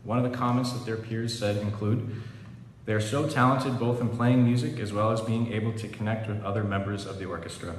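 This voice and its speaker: A man, a school orchestra director, briskly reading a list of award winners at a concert in a large school theatre. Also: fairly low pitch, fairly even intonation. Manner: brisk, fast listing of names. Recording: echoey hall from far off.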